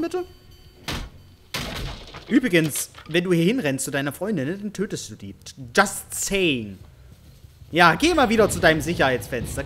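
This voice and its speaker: A man's voice: a little high, a bit bright, a little hiss or hum. A man giving playful, teasing let's-play commentary over a horror game, mock-taunting the characters he hunts. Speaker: gaming YouTuber.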